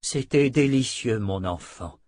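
A man voicing an older woman, a calm and measured captive abbess, in an audiobook, in a soft and low manner. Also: no echo, clean studio sound, lightly acted. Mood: gentle. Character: older captive abbess, gentle yet firm.

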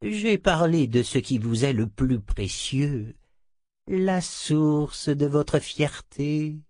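A man reading a French audiobook, voicing a sly, theatrical male wizard who speaks slowly and deliberately with mock sincerity. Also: a little high, expressive, a little mellow, no echo, clean studio sound, voice pushed up. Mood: slow, smug.

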